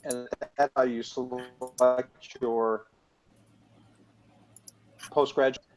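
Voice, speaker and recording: A man, a physician on a panel, answers questions over a remote call. His connection keeps breaking up, so his words cut in and out in halting fragments. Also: mid-range voice, flat delivery, a little mellow, rough recording. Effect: connection breaking up, audio cutting in and out. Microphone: remote call microphone. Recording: choppy, dropping-out remote call audio with faint noise.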